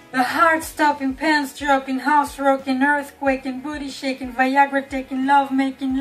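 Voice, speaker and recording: A woman's voice: high-pitched, poor audio. A woman making a playful, rhythmic webcam appeal as a fan. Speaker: fan sending a video message. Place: room indoors.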